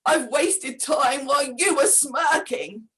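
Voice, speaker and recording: A woman voicing a flustered, hiccuping old Father Christmas in a rhyming storybook reading, exclaiming loudly and pleading. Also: high voice, slow pace.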